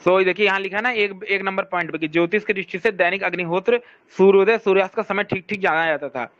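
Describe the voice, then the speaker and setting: A man's voice: sits high, quick pace, no echo, lo-fi sound. A man teaching a lesson on Vedic sciences, reading from a text and explaining it, often asking and answering his own questions. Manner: speaks to someone scrolling a shared document. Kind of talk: explanatory classroom lecture.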